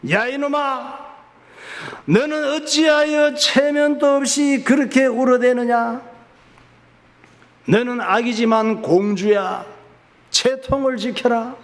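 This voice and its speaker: A pastor playing an angry old king who shouts at his crying daughter in a drawn-out, scolding way. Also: extremely high pitch, voice pushed up, heavily acted. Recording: reverberant church hall.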